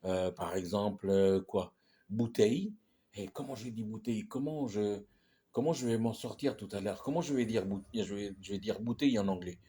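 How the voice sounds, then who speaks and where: A man teaches English pronunciation in French, in a loose, halting way, circling back and restarting his sentences. His voice sits a little low and sounds husky. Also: dark tone. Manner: repetitive, halting, with many restarts and "hein", "ok?". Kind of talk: casual spoken lesson.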